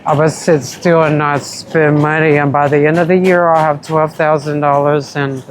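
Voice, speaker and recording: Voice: medium pitch, flat delivery, normal speed, a little hiss or hum, poor audio. A vlogger with an American country accent, chatting casually to viewers while shopping in a store and calling them y'all. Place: store, indoors.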